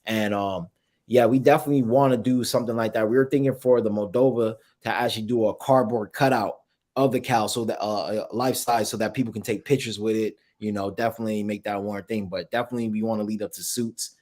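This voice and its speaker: A man answering interview questions over a video call that breaks up now and then. He talks casually and haltingly, with frequent fillers and restarted phrases. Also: fairly low pitch, fairly even intonation, darkish tone. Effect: video call audio with dropouts. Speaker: guest, founder of a collectibles project.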